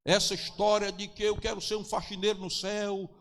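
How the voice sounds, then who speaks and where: Brief: male pastor delivering an impassioned sermon, very high and gravelly voice, church reverb. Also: flat delivery, brisk. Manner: impassioned preaching, rising to shouts.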